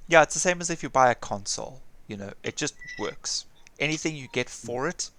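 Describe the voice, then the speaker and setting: A chatty man talking with friends on a voice call, laughing easily at his own jokes. His pitch sits in an ordinary middle range. He jokes at his own expense and keeps the talk loose. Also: lively intonation, a little fast, fairly bright tone. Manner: chatty, self-deprecating, laughs often. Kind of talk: casual group voice chat.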